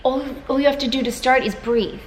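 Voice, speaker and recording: A woman's voice: high voice, fairly even intonation, a little fast, slight background noise. A woman giving casual, earnest advice to camera as a wellness vlogger, acting out quoted inner voices. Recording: echoey room with long reverb.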